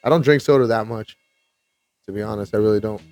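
A man's voice: on the low side, quick pace, darkish tone, no echo, faint music behind. A man co-hosting a podcast in casual chat, with easygoing, joking banter. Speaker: podcast co-host.

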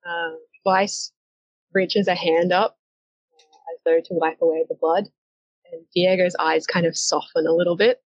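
A woman's voice: fairly low pitch, fairly even intonation, a little slow, dry recording. A woman game master narrating a collaborative comic story game in a chatty, hesitant way with lots of fillers. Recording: dull, lo-fi and dry.

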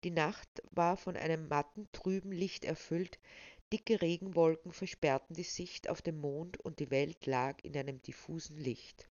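A woman introduces a novel and reads from it with measured, expressive storytelling. Her voice is low. The recording is dry and a bit dull. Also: no echo. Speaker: book presenter and reader. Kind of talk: book presentation and reading. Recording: slightly dull, dry sound.

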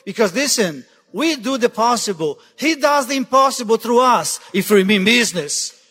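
High-voiced guest preacher, hall reverb. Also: male voice, animated, moderate pace, pushed and bright, breathy edge. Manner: urgent, repeats "listen" to drive points home. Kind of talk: sermon. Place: church sanctuary. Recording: long church hall reverb.

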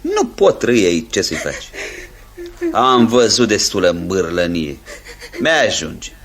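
A man's voice: deep voice, huge pitch swings, fairly bright tone, heavily acted. An actor playing Yasha, a haughty young manservant who sneers at his homeland and longs for Paris, in a radio play. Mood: scornful. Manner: dismissive, mocking, bored.

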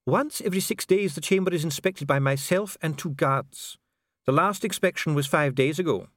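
In clean studio sound with no room echo, a man voices a solemn, disdainful dwarf official for an audiobook, formal, precise and pompous. He speaks at a moderate pace in a slightly high voice, pitched above his own but close to an everyday voice.

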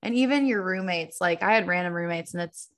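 A woman's voice: on the low side, a little fast, fairly bright tone. Chatty young woman, casual. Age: 20s. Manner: chatty, full of "like" fillers. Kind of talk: casual chat.

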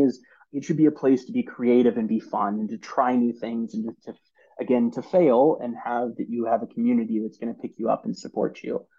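A man in his thirties, a podcast guest, telling stories in an earnest, halting way with many fillers and restarts. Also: mid-range voice, lo-fi sound. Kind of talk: casual storytelling interview.

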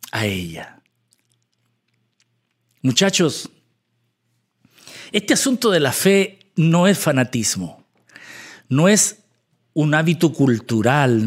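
A man preaching a storytelling sermon, emphatic, swinging between loud exclamations and soft asides. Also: fairly high pitch, breathy edge.

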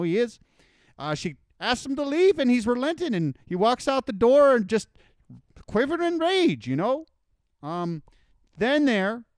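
A man on a podcast reading out a listener's story in a halting, filler-heavy way, full of "uh" and "you know.". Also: extremely high pitch, clean tone, dry recording, clean studio sound. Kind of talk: casual podcast chat, dramatized story reading.

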